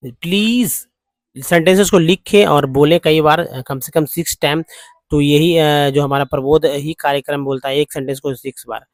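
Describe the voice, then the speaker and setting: A man's voice: a little high, steady tone, dry recording. A man with an Indian English accent teaching a language lesson, switching between Hindi and English and saying each phrase over and over. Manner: slow, repeats English phrases several times over.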